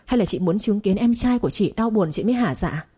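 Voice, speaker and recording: A woman's voice: medium pitch, lively intonation, a little fast, mellow, slightly rough. A woman voicing a young husband who firmly defends his wife in a read-aloud story. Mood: exasperated. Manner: firm, exasperated pleading.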